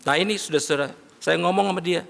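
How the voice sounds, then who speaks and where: Brief: male pastor, sermon, gravelly bright voice, rises to shouts, long hall reverb. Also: sits high, racing. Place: large worship hall.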